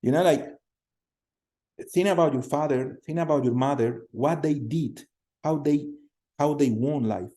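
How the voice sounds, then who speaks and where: A man from Colombia in his thirties teaching a class over a video call, energetic, often repeating words and putting questions to the students. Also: on the high side, a little slow. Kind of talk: online class lecture. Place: home room on a video call.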